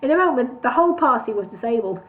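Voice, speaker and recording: Talking fast and animatedly in a fairly high voice, a woman performs a comic fantasy novel on a livestream, sprinkling in chatty asides and laughing at comments. Her recording sounds tinny, like a phone.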